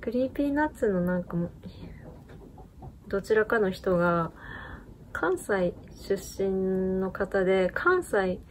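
A woman's voice: mid-range voice, animated, slow, long pauses, slight background noise. A woman hosting a knitting channel, chatting casually in a rambling way with many fillers and small laughs. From Japan. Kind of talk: casual chat while knitting.

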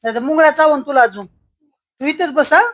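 Fussing woman, high voice. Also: normal speed, fairly bright tone. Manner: coaxing, fussing and scolding a child. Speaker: vlogger. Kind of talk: casual family chat.

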